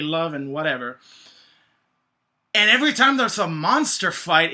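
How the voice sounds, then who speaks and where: A man's voice: a little high, pushed and bright. A man giving a casual movie review rant, informal and sweary, with emphatic points and trailing asides. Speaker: film reviewer.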